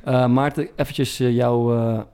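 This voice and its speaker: Host from steering the chat. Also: male voice, medium pitch, little pitch movement, unhurried, warm tone, clean tone. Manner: steers the talk, hesitant with fillers. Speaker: podcast host. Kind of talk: casual chat.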